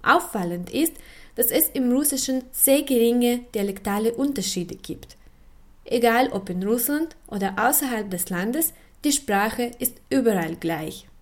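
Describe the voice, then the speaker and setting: A woman giving scripted educational narration, explaining things in a clear, measured way with carefully spoken example words. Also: fairly high pitch, expressive. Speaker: narrator of a language feature.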